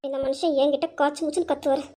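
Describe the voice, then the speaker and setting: A woman's voice: flat delivery, rapid-fire, warm tone, natural voice. A woman voicing a quarrelsome, scheming young wife who accuses and threatens in an amateur audio drama. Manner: shrill, accusing.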